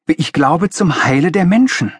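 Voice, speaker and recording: A man's voice: a little high, very animated, measured pace, husky, dry recording, studio quality, voice pushed up, full character voice. A man playing a fiery idealistic young hothead. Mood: impassioned. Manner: impassioned, raised voice.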